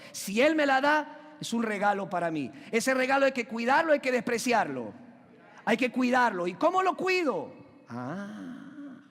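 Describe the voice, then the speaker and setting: A male pastor with a strikingly high voice preaches in a church. He quizzes the congregation and urges them to shout their answers, and he lingers on key words for emphasis. Long reverb rings around his voice. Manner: questions the congregation and asks them to call out answers. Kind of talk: preaching a sermon. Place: church sanctuary.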